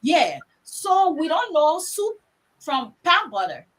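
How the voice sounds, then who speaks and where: Animated Liberian woman, high and bright. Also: slow pace, rough recording. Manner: emphatic, storytelling, repeats words for stress. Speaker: discussion moderator. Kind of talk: panel discussion.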